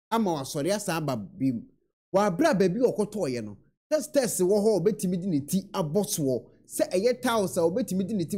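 Lively Ghanaian man commenting. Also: high-pitched, husky. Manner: mixes in English words, earnest and lamenting. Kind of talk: reaction commentary.

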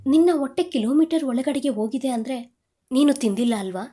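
A woman voicing a playful, apologetic young husband in an audio story, speaking in a soft, coaxing way. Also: sits high, expressive, brisk. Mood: teasing.

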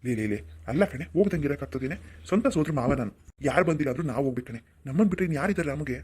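Someone doing a calm firm village uncle, fast talking. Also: medium pitch, breathy edge. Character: kind middle-aged village uncle. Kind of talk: cartoon voice acting.

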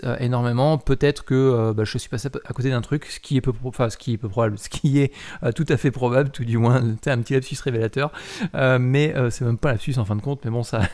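A man, a mobile app developer, talking casually about a software update, hesitant with many filler sounds and self-corrections as he reads and comments. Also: mid-range voice. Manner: reads aloud while commenting. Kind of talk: casual explanatory talk.

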